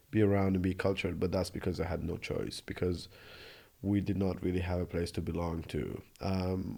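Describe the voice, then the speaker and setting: This interview guest, a Jordanian man in his twenties, has a low, gravelly, darkish voice. He recounts his story earnestly and reflectively in a casual conversational interview in Australia, restarting often.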